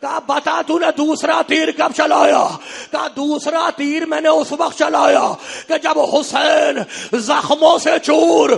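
A man delivering an impassioned mourning sermon, half chanting and crying out in sing-song wails that rise to shouts. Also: extremely high pitch, level tone, vocal fry, few pauses. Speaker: preacher reciting a mourning sermon. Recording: long hall reverb with faint crowd.

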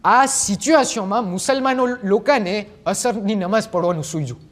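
A seventeen-year-old young man giving a religious sermon to a gathering, telling the story with animated delivery and rhetorical questions. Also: high voice, normal speed. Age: 17, teenage. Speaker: majlis preacher.

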